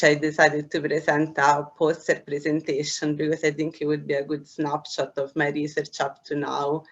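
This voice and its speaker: A woman speaks in a flat, even tone as she introduces her research, pausing to find her words. Her voice comes through a poor internet connection on a video call, so it sounds dull and lo-fi. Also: low voice. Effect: bad internet connection on a video call. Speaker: PhD student presenting her research. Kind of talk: self-introduction in an online session.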